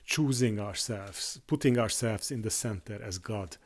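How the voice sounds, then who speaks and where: A YouTuber whose first language is Hungarian speaks in an unscripted monologue on his channel. His voice is fairly low, and his delivery is halting, with many restarts and fillers.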